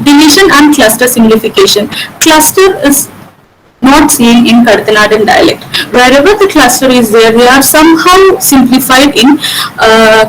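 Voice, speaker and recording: A woman presenting a linguistics lecture, hesitant with frequent fillers and slowing down on example words. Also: on the high side, a little hiss or hum, rough recording.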